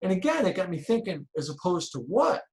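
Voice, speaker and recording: Middle-aged guy from chicago telling his story at a conference, earnest and punchy, bit higher voice. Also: sing-song, fairly quick, a little mellow, low-quality recording. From Chicago area, United States. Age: 40s. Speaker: conference speaker. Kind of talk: inspirational personal talk.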